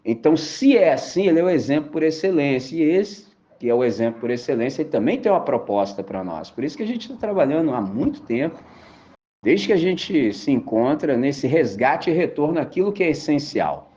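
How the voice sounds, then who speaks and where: Brazilian male preacher, casual slang, rhetorical questions, very lively delivery, muffled lo-fi recording. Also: fairly high pitch, brisk. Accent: Brazilian Portuguese. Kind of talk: lively evangelical sermon. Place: auditorium stage. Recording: dull lo-fi sound.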